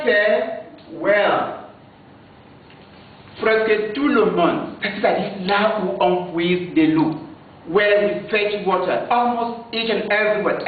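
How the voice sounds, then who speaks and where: A man with a Nigerian accent teaching a French lesson, repeating words slowly for pupils to learn. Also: high voice, a little hiss or hum. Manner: slow, repeating words for drilling. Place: school classroom. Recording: distant, echoey, phone-like audio.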